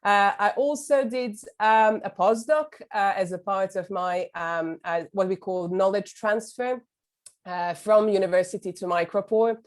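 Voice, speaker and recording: A woman's voice: medium pitch, steady tone, a little slow. A woman from Serbia, a university lecturer, giving a friendly webinar presentation with frequent fillers.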